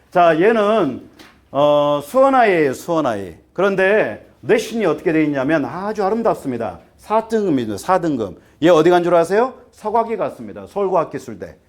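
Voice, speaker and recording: A man in his fifties, an academy teacher, briefing parents in a lively lecture, firing rhetorical questions and getting worked up until he trips over his words. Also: high voice. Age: 50s. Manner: animated, rhetorical questions, acts out students and parents.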